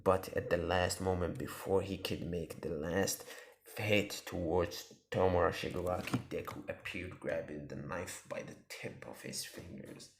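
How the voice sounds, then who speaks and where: Male channel host, deep and gritty, improvises a fan story off the cuff. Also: creaky. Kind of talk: casual fan-story narration.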